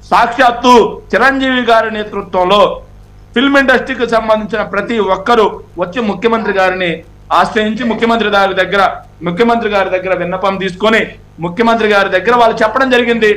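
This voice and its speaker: A man's voice: high-pitched, steady tone, fast, a bit bright. A man speaking for the ruling party in a heated TV debate, insistent, talking over the others and repeating himself.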